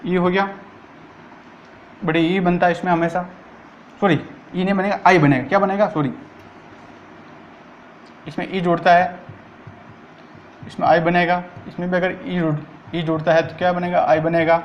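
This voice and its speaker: Guy teaching grammar, kinda high voice, keeps asking and answering himself. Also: little pitch movement, normal speed, pauses often, lo-fi sound, a little hiss or hum. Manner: repetitive, asks and answers his own questions. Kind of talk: exam-prep grammar lesson.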